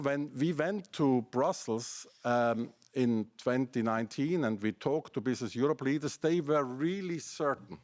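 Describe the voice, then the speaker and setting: A middle-aged man with a German accent gives a seminar presentation, his mid-range voice carrying a darkish tone. Speaking as an academic, he argues his case through a string of pointed rhetorical questions.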